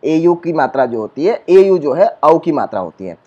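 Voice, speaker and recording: Lively patient male teacher. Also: a little high, breathy edge, lo-fi sound. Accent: Hindi, eastern Uttar Pradesh. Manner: patient, repeats and asks rhetorical questions; stretches sounds slowly to show pronunciation. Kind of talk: whiteboard lesson for children.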